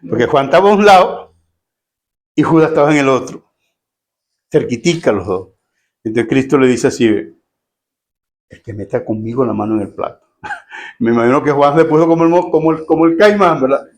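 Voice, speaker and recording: A man's voice: a little high, expressive, a little fast, long pauses. A middle-aged male pastor preaching a sermon to his congregation in a conversational way, acting out quoted voices and asking the listeners questions. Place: church.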